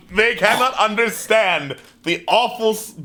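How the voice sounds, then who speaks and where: Bright, high-voiced man running a tabletop game. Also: slow. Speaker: game master. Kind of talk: casual, jokey tabletop game narration.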